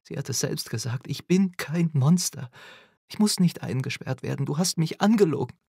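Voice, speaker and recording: A man's voice: medium pitch, unhurried, gravelly, slightly rough, no room sound, clean studio sound. A man voicing a bitter young boy in an audiobook who speaks threateningly, often half-whispered. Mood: tearful anger. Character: bitter, menacing young boy with fire powers. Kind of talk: audiobook character voice.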